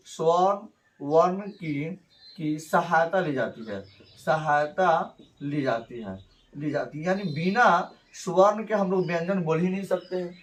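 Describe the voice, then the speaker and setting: A male teacher giving a grammar lesson, repeating phrases slowly and asking and answering his own questions. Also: sits high.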